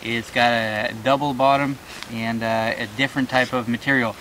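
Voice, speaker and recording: A man in his thirties talking casually about his gear at a forest campsite, relaxed and chatty with lots of filler words. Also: mid-range voice, moderate pace. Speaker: outdoor vlogger. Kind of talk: casual gear talk while camping. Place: forest campsite outdoors in rain. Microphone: camera mic, moving near and far. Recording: outdoor ambience noise.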